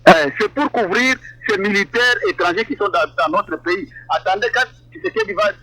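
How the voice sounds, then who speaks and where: A man from eastern Congo talks in an animated interview, his high voice leaping up and down as he presses each point and repeats words for emphasis. The tone is bright and pointed. The sound is thin, as if over a phone line. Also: normal speed, no room sound. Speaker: interview guest. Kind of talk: political interview, casual.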